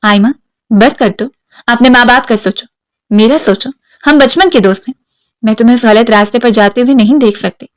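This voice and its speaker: A woman's voice: on the high side, dry recording, studio quality, close to an everyday voice. A woman voicing a young woman who speaks firmly and earnestly. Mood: pleading. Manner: firm, then earnest and tearful. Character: young woman set on marrying up, then a pleading friend.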